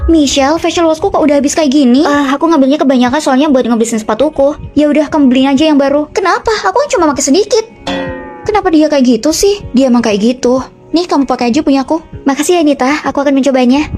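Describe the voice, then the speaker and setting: A young woman dubbing several college dorm roommates in a short drama, trading quick, bickering lines and switching between characters. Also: sits high, dark tone, faint music behind. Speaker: voice actor.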